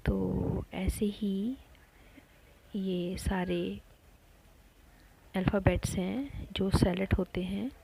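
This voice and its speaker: A woman teaching a lesson on her own channel, talking slowly and patiently, repeating words and pausing often with fillers. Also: mid-range voice, fairly even intonation, gravelly, warm tone, husky, poor audio. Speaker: teacher running an education channel. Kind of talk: slow spoken lesson on spelling.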